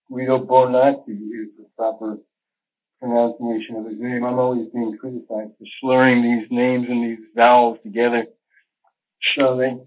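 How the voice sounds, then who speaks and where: An older man, an astrologer, giving long scholarly answers in an interview, digressive and full of fillers. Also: medium pitch. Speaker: astrologer guest. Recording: phone-line sound.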